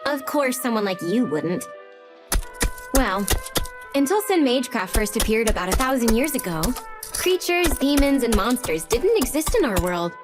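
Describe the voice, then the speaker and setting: A brash, tough young woman fighter in an anime dub, blunt and mocking, her fairly high voice leaping around a lot. Music plays clearly behind her. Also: sing-song, moderate pace. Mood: scornful. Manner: blunt, sarcastic and rough-talking. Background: background music.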